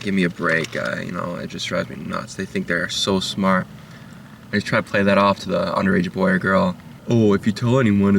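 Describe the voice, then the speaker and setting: A man rambling in a low-key, halting way with many fillers while driving, recorded a little away from the mic in a car. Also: gravelly, recorded from a distance, background noise. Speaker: vlogger. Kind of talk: rambling casual monologue. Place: inside a moving car.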